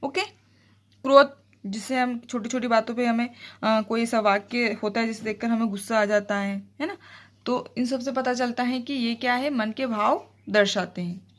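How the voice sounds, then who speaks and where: A woman teaching a Hindi grammar lesson, explaining step by step, checking in with her students, and reading out example sentences slowly and expressively. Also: on the high side.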